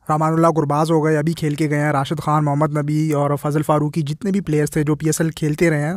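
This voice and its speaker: A man in his thirties giving chatty, quick cricket vlog commentary outdoors at a stadium, filmed on a handheld phone. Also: a little high, darkish tone, dry recording, clean studio sound. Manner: fast, chatty, mixes English words. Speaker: cricket vlogger.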